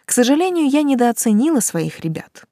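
A woman narrates a first-person audiobook with an animated, sweeping pitch. The reading is expressive, recorded close and dry with no room sound. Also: fairly quick, dry recording.

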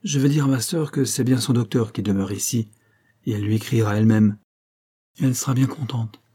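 A man voicing a resolute, cunning young wife who speaks with controlled calm. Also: mid-range voice, brisk, breathy edge, lightly acted.

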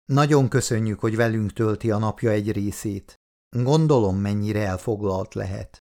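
A man's voice: on the low side, a little mellow, natural voice. A man reading an awkward, tired ex-soldier dad. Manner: hesitant, slightly awkward. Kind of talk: audiobook dialogue.

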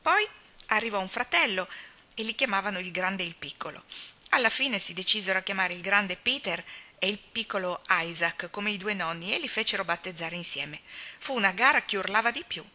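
A woman's voice: medium pitch, animated, brisk, pushed and bright. A woman reading the part of a talkative, gossipy older spinster in an audiobook, in an emphatic, chatty manner. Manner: chatty, emphatic, sighing storyteller.

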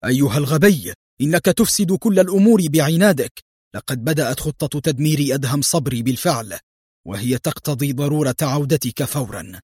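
A man voicing a stern male intelligence officer who gives sharp, commanding orders in an audiobook story. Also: mid-range voice, fairly quick, slightly rough, dry recording, studio quality, lightly acted. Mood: angry shouting.

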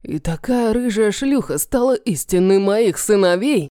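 A woman voicing a cruel, mocking ancient male dragon lord who talks slowly and menacingly. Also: medium pitch, expressive, warm tone, dry recording, studio quality, natural voice. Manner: slow, sneering, menacing.

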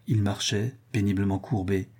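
A man reading a classic novel aloud as an audiobook, in a measured, expressive way. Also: lowish voice, husky. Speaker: audiobook reader. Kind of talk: literary audiobook narration.

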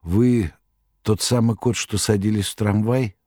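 A man voicing a tired, gentle male writer in an audiobook. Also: lowish voice, fairly even intonation, unhurried, dry recording, studio quality, pitched above the performer's own voice. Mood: hesitant. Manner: quiet and tired. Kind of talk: audiobook reading.

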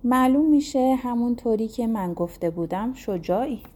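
A woman's voice: a little high, expressive, mellow. A woman voicing a scheming king who gives harsh orders and threats, in a storybook reading. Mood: commanding. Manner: commanding, issuing threats.

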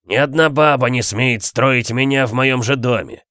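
A man voicing a rude, bad-tempered husband who talks gruffly and barks his words. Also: medium pitch, normal speed, a bit bright, no echo, clean studio sound, voice pushed up, natural voice. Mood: rude, angry. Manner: gruff, barking.

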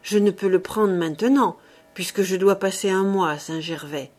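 A woman reading the part of an awkward, evasive gentleman father in an audiobook. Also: medium pitch, normal speed, soft background music, natural voice.

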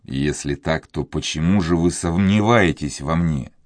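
A man voicing a tender young nobleman in love, speaking in a hushed, trembling, earnest way. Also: a bass voice, unhurried, no echo, studio quality.

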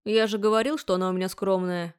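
A woman's voice: mid-range voice, steady tone, fast, smooth, natural voice. A woman reading an audiobook, voicing a cocky, pushy young man who is bossy and mockingly sweet. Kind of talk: audiobook character voice.

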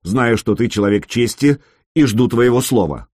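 A man voicing a bold young man who answers with booming sarcasm. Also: expressive, normal speed, a little mellow, no echo, studio quality, close to an everyday voice. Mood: mocking. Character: bold young man in a Viking hall, cool and mocking.

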